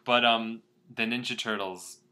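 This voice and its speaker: A man's voice: mid-range voice, fairly even intonation, unhurried, pushed and bright. A young man hosting a podcast, chatting casually about a movie, rambling with restarts. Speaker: podcast host. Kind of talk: casual movie-review chat.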